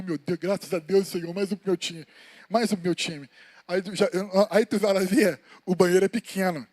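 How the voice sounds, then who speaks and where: A man's voice: fairly high pitch, darkish tone, no echo. A Brazilian man preaching an informal sermon in a church, telling personal stories in a colloquial way and calling the listeners brothers. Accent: Brazilian Portuguese. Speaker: evangelist preaching. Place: church sanctuary.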